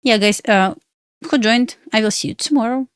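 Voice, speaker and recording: Her voice is a little high and smooth, at moderate pace, in a dry, studio-quality recording. A futures day trader streaming live, she's from Belarus with Russian as her native tongue, and her casual chat is bubbly and giggly with loose non-native grammar.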